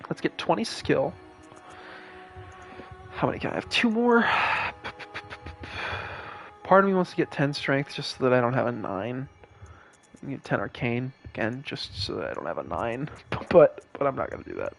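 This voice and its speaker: A man's voice: medium pitch, very animated, moderate pace, vocal fry, pauses often. A tired young man streaming a game, rambling in casual commentary with many fillers, restarts and swearing. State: tired, yawning. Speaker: gaming streamer. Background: game music underneath.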